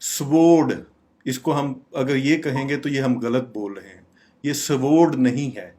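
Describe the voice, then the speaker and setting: A man teaching English pronunciation, repeating each word slowly several times. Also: medium pitch, darkish tone.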